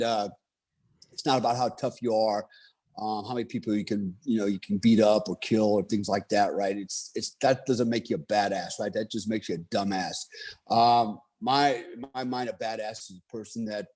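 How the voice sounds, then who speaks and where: A man's voice: on the low side, a little mellow. Rambling man in his fifties telling stories. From Germany. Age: 50s. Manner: rambling, with many fillers and rhetorical asides. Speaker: motivational speaker. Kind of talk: personal storytelling monologue.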